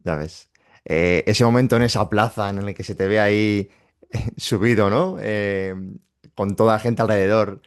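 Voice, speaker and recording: A man interviewing an actor, asking questions in a relaxed way. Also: fairly low pitch, unhurried, clean tone. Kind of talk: casual interview.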